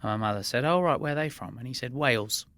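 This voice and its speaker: Bright-voiced man telling earnest anecdotes. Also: medium pitch, fast. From Iran, raised in England. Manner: earnest, anecdotal, with frequent restarts. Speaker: guest. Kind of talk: interview conversation.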